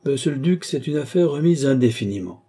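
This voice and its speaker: A man voicing a fussy, agitated male lawyer who is effusive and excitable. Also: medium pitch, fairly quick, husky, voice pushed up.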